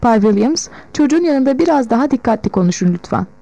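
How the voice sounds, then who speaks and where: A woman reading a calm, terse father. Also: fairly high pitch, quick pace, gravelly, dry recording, muffled recording. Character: calm, reserved father of a boy. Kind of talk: audiobook reading.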